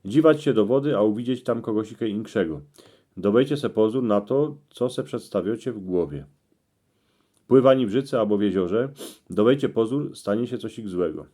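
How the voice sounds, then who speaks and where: A man with a Cieszyn Silesian accent reading out interpretations in dialect, in terse phrases with pauses. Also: lowish voice, warm tone. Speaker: presenter explaining dream meanings.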